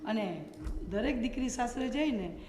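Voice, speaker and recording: A woman playing a middle-aged mother who gently coaxes and advises her daughter in a short family drama. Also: a little high, lively intonation, moderate pace, close to an everyday voice. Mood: coaxing. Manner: soothing, coaxing advice. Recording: echoey hall with loud music.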